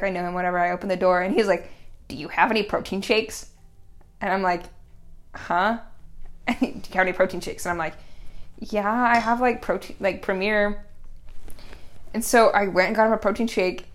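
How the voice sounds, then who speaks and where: A young woman co-hosts a podcast in casual chat. Her voice sits at a middle pitch, and she tells stories in a relaxed, easygoing way with plenty of filler words. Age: young adult. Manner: relaxed, laughing storyteller with many fillers. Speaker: podcast co-host.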